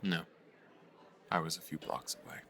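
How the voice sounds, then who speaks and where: A guilty young man in an audio drama; low, bright voice, soft and halting, drops to near-whispers. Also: heavily acted. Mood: wistful. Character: guilt-ridden young man, former friend. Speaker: [name].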